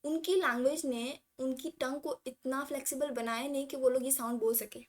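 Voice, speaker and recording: A woman from India teaching a casual language lesson, mixing English words into her talk and reading syllable charts aloud slowly. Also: sits high, steady tone.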